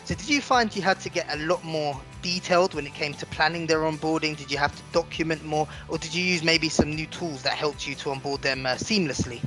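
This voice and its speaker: Man, host, bright tone, slightly high pitch, conversational questions, faint music. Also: brisk, few pauses. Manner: friendly, summarizing, asks questions. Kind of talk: casual interview moderation.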